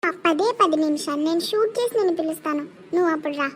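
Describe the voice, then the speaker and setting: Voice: extremely high pitch, quick pace, a bit bright, slight background noise. A whiny cartoon boy vlogger. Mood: chatty. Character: cheeky young boy vlogger, lively and complaining. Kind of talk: animated comedy sketch.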